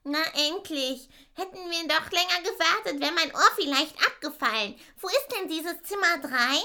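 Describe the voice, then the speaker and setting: A woman's voice: very high-pitched, lively intonation, moderate pace, pushed and bright, full character voice. A woman voicing a clumsy, cheeky little kindergarten girl in a children's audio drama, giggly and whiny when hurt. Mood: impatient.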